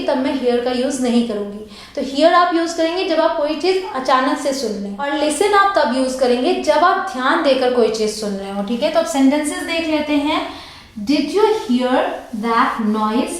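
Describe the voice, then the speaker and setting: Woman, English teacher, patient step-by-step explaining, slow drawn-out examples, high voice. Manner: explains slowly, drawing out English example sentences. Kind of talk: teaching English vocabulary in Hindi. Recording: very echoey room.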